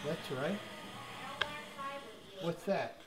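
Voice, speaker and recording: A woman's voice: low voice, extremely slow, over loud music. A woman talking to a toddler like a parent, with short simple questions, repeated words and encouragement. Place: living room at home, indoors. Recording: roomy, noisy home recording.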